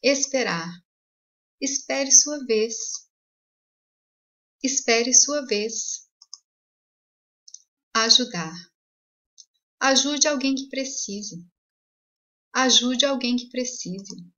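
A woman teaching a language lesson, switching between two languages, saying each example clearly and repeating it twice. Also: fairly high pitch, drawn-out words, long pauses, sharp tone, lo-fi sound. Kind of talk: slow bilingual language lesson.

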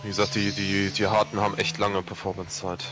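A young man in casual gaming chat, haltingly repeating words as he thinks aloud. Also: low voice, little pitch movement. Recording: voice chat over loud car-game noise.

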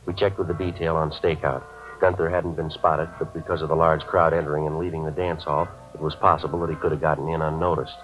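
An actor playing a terse male police sergeant who narrates his case in a clipped, deadpan way, heard as an old AM radio drama broadcast. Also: rumbling low, quick pace, faint music behind. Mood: flat. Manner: clipped, deadpan report of times and facts. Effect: old AM radio broadcast sound. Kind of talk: 1950s radio drama acting. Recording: muffled lo-fi 1950s AM radio broadcast.

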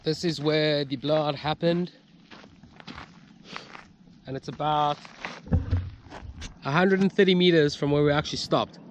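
A man's voice: fairly high pitch, steady tone, unhurried, pauses often. Male South African vlogger, thirties, easy conversational delivery, noisy outdoor handheld recording. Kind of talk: casual vlog chat. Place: outdoors by river and roadside. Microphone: handheld camera at arm's length. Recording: noisy outdoor wind and vehicle sound.

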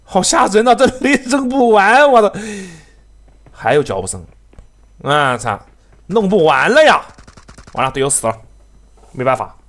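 A man giving excitable, profanity-laced live commentary on his own game, laughing and talking to his teammates. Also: sits high, moderate pace, long pauses. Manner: excitable, swears often, laughs, talks to teammates. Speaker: game streamer.

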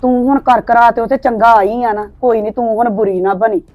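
A woman playing a calm, soothing neighbour. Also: a little high, brisk, soft background music, natural voice. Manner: soothing, placating. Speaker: actor in a short film. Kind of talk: village family drama. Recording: dull lo-fi sound.

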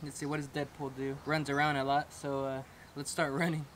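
A man's voice: mid-range voice, level tone, fairly quick, background noise. A man casually reviewing a pair of shoes on his vlog, chatty and upbeat, laughing often as he talks. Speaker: collectibles reviewer. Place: at home, then outdoors.

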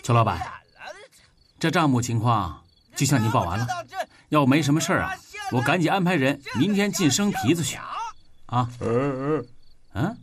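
A man's voice: mid-range voice, expressive, moderate pace, long pauses, a crowd in the background, close to an everyday voice. An actor playing a deferential shop clerk who reports accounts to his boss. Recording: distant mic with score underneath.

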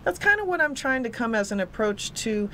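A woman's voice: a little high, fairly quick, slight background noise. A young woman, a fitness coach guest in a studio interview, talking earnestly and eagerly into a desk microphone. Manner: earnest, eager, repeats words when excited. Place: small studio set with a city backdrop. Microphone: desk microphone on a stand.

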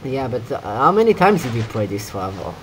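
A man's voice: medium pitch, sing-song, a little fast, a bit bright, faint music behind, poor audio. Teasing man riffing over gameplay. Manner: teasing, hums game tunes. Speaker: gameplay commentator. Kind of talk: casual playthrough banter.

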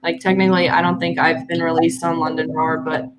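A woman's voice: fairly low pitch, flat delivery, a little fast, noisy background. A young woman from Canada, a guest swimmer, chatting casually with lots of fillers and easy laughter. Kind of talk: casual chat.

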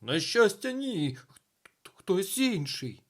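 A man's voice: high-pitched, sing-song, slow, husky, pitched above the performer's own voice, exaggerated voice. A man voicing a flustered middle-aged male schoolteacher who wails in panic. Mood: panicked. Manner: panicky, wailing.

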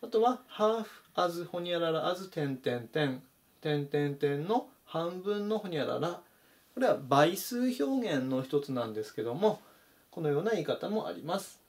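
Casting: male English teacher, slightly high voice with a lot of pitch movement, methodical lesson delivery. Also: sing-song, unhurried, darkish tone. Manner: methodical, stresses pronunciation points. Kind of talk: explanatory vocabulary lesson.

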